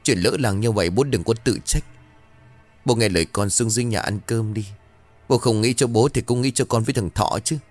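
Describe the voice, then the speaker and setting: A man voicing a caring young daughter who gently pleads with her father to eat. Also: fairly low pitch, a little fast, faint music behind, natural voice. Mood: coaxing. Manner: coaxing, pleading.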